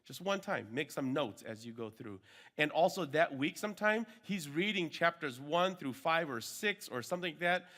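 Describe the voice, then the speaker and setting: This workshop trainer teaches Bible discipleship casually, in a slightly high, animated voice that is bright and forceful at a moderate pace. He moves between Hmong and English mid-talk and regularly checks in with "okay" or "right."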